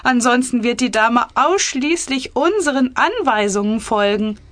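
A brisk, scheming female chief of staff talking a cabinet round, high and emphatic, in a satirical audiobook, read by a woman. The sound is dry. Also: expressive, no echo. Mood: persuasive.

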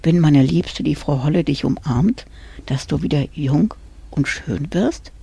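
A woman's voice: deep voice, a little slow, creaky, mellow, breathy edge, no echo, exaggerated voice. A woman voicing Death as a lovesick nobleman, earnest and persuasive.

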